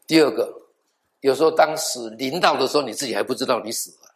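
Speaking fast at medium pitch, a middle-aged pastor turns his sermon into lively storytelling. He acts out dialogue, throws in half-joking asides, and now and then mixes in an English word.

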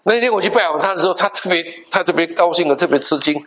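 A middle-aged male pastor telling a story in a sermon, animated and acting out the dialogue, with English words mixed in. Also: high voice, quick pace. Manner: animated, acts out dialogue in different voices.

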